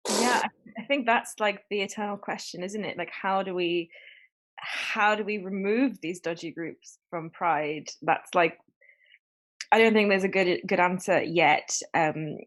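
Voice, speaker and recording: A woman's voice: mid-range voice, measured pace, fairly bright tone. A woman speaking on a video call, an activist in a livestream discussion who talks earnestly with many fillers. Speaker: panel guest.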